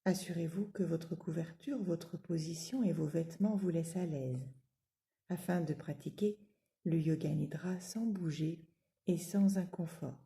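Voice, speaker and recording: This woman's low, gravelly voice guides a yoga nidra relaxation. Her delivery is soothing and measured, with gentle cues and extended pauses.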